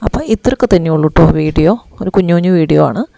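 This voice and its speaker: A woman's voice: fairly low pitch, lively intonation, very fast, creaky, mellow, slight background noise. A woman giving a chatty home tour of her house under renovation, talking straight to her viewers, her throat irritated by dust. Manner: chatty, addresses viewers directly, frequent tag words. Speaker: vlogger. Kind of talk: casual home tour narration.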